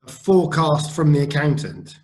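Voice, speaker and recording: A man's voice: a little high, lively intonation, moderate pace. A man hosting a property meetup, chatting casually and praising his guests in an upbeat way. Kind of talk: casual online meetup chat.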